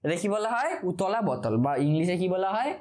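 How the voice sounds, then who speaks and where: A man's voice: high voice, very animated, fairly quick, a little mellow. Man repeating questions in a lecture. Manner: asks the same question again and again, then answers it himself; stumbles over technical terms and jokes about it. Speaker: physics tutor. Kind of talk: informal classroom lecture.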